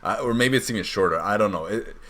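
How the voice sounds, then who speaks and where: A man's voice: on the low side, fast talker, a loud crowd. A young man narrating as dungeon master, with a hesitant manner full of fillers. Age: young adult. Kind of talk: narrating a tabletop game.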